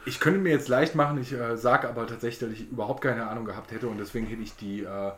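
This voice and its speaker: A man's voice: medium pitch, steady tone, fast, a bit bright. A man hosting a podcast in casual chat, rambling and joking as he goes. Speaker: podcast host. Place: indoor room at a table. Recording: roomy echo, faint background noise.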